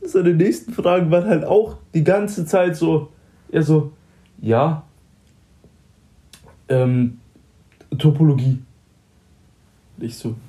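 A man's voice: fairly high pitch, steady tone, takes it slowly, pauses often, dark tone. A young man in casual chat, telling a story in slang and acting out both sides of a conversation.

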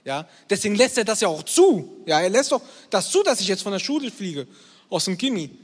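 A man in his twenties preaching to a live crowd, energetic and constantly checking in with the crowd. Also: high voice, a little fast, breathy edge. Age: 20s. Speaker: youth preacher. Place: hall with an audience, also streamed. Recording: long hall reverb.

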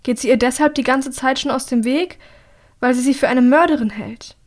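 A woman narrating an audiobook in a calm, measured storytelling voice. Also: high-pitched. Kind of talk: scripted narration.

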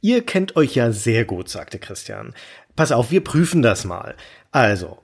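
A man's voice: medium pitch, very animated, measured pace, gravelly, breathy edge. A man hosting comedic scripted banter, playful and mock-exasperated. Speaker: host.

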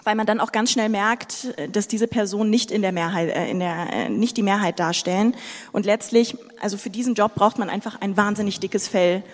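Measured woman panelist in a hall. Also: mid-range voice. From Sudan. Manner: measured, thoughtful, with fillers. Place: conference hall with audience. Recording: long hall reverb.

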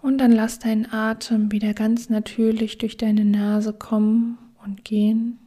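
A woman guiding a relaxation meditation in a soft, soothing whisper. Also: fairly high pitch, little pitch movement, unhurried. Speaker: meditation guide.

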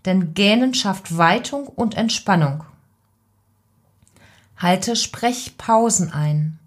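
Female voice coach, unhurried instructional delivery, direct and measured. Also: mid-range voice. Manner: calm, deliberate, gives direct advice. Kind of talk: instructional podcast tips.

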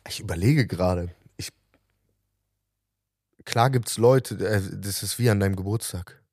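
A man's voice: lowish voice, a little slow, darkish tone, husky, no echo, studio quality. A man in his thirties, a musician guest, talking earnestly and reflectively in a casual interview, often restarting his sentences.

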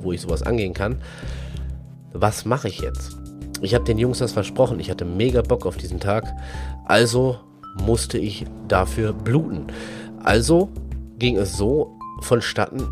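A young man tells a lively anecdote about a fishing trip, acting out the dialogue, with music behind him. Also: lowish voice. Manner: lively, animated anecdote telling with quoted dialogue. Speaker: fishing content creator. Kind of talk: casual storytelling.

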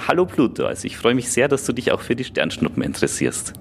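A man's voice: mid-range voice, very animated, quick pace, slight background noise. A man speaking as an expert guest, explaining science simply and conversationally for children.

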